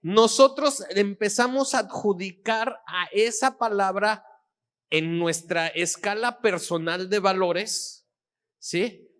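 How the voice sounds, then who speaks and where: A pastor delivers a sermon in a fairly high voice. He speaks slowly and deliberately. He keeps the congregation involved by asking for confirmation after nearly every phrase. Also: a bit bright. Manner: interactive, checks with audience after each phrase.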